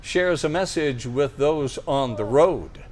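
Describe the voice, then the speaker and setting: A man anchoring the news, reading teasers in a brisk way. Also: medium pitch, lively intonation, crowd noise.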